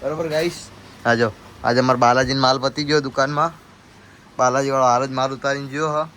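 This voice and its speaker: A man gives a chatty, rambling tour of his small shop and storeroom, talking straight to his viewers. His voice sits at an ordinary pitch. Street traffic and noise fill the background. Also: steady tone, brisk, fairly bright tone, rough recording. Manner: chatty, keeps addressing viewers as guys. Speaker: shopkeeper vlogger. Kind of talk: casual vlog commentary.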